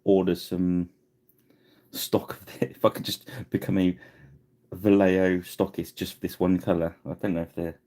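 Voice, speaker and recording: A man's voice: little pitch movement, normal speed, warm tone. A man hosting a live miniature painting tutorial, chatting casually and laughing at himself as he works. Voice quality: deep gravelly voice. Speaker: miniature painting livestream host.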